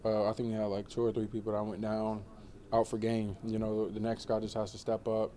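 A young man in his twenties, a college football player, answering questions in a relaxed postgame press interview, with many fillers. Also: on the low side, fairly quick, a little hiss or hum. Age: 20s. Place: indoor media room before a banner.

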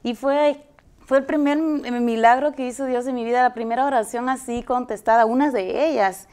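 A woman's voice: on the high side, moderate pace, smooth. A young woman, a guest on a TV interview, telling her experience earnestly and with animation. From Dominican Republic. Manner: earnest, animated storytelling with hesitations. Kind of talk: TV interview testimony. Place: TV studio set, indoors. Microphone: lapel mic.

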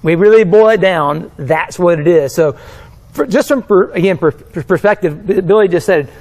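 Male host, enthusiastic, quick to agree; slightly high voice. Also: animated, a little mellow. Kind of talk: technical discussion.

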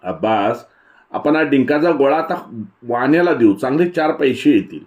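A man's voice: medium pitch, expressive, moderate pace, narrow, tinny audio, voice pushed up, close to an everyday voice. A man voicing a chatty know-it-all village boy who eagerly explains things to his friends.

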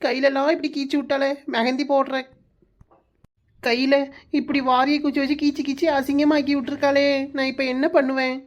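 A woman's voice: high-pitched, little pitch movement, moderate pace, dull audio, natural voice. A woman voicing a sulky, self-pitying young bride-to-be with a southern Tamil Nadu accent. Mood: whiny.

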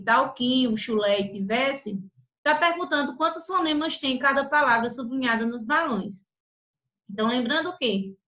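Woman teacher, crisp bright voice, slightly high, patient and repetitive. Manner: patient, spells out letters one by one; repeats herself and self-corrects often. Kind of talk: correcting a worksheet for pupils.

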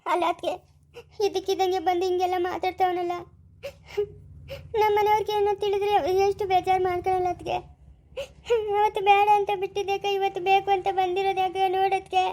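A woman's voice: extremely high pitch, level tone, racing, darkish tone. A woman voicing a distressed young new mother in a homemade family skit, pleading and tearful, with a Chikkaballapur Kannada accent.

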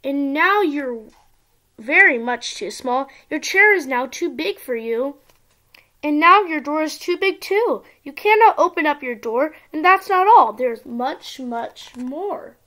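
A girl of about ten with an expressive, sing-song delivery, reading a storybook aloud as if to small children. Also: high-pitched, unhurried. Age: child, around ten. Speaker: young video channel host reading a picture book. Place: small indoor room at home.

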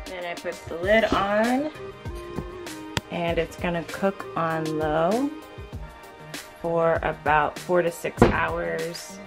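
A woman's voice: fairly low pitch, takes it slowly, vocal fry, pauses often, music in the background. A woman vlogging casually in her home kitchen, walking viewers through a recipe. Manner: chatty, walks viewers through her cooking. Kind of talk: casual vlog narration.

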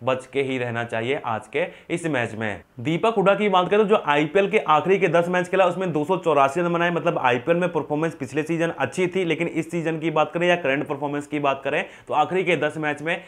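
On a lapel mic in an indoor studio with a printed backdrop, shot in medium framing, a young man delivers a fast, unscripted fantasy cricket stats rundown to camera. Gesturing animatedly, he rapidly asks himself "who?" and then answers. His voice is on the high side.

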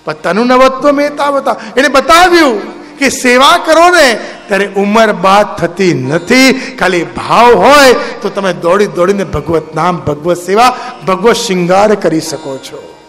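A man's voice: high voice, lively intonation, measured pace, pushed and bright. A man giving a devotional discourse, exhorting his listeners with rhetorical questions. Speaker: religious speaker. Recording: reverberant hall with instrumental music.

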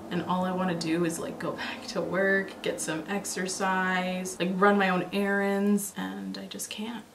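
A young woman, a beauty vlogger, films a makeup tutorial in a small room at home, chatting casually and rambling with lots of fillers. Her voice is lowish and slightly raspy, and the room sounds echoey with a noisy background.

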